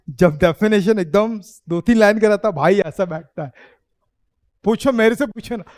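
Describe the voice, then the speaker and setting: Male physics teacher, high voice, playful, prods students to answer. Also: a little slow, darkish tone, no echo, clean studio sound. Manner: teasing, quizzing students, laughs often. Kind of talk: classroom lecture. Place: classroom.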